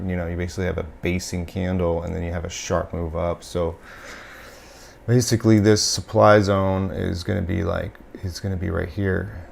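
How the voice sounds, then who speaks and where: A man with a raspy voice from a cold, talking through his screen in casual live-stream commentary with many pauses and fillers. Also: deep voice, a little hiss or hum. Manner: unhurried, halting, many fillers. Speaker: day trader streaming live.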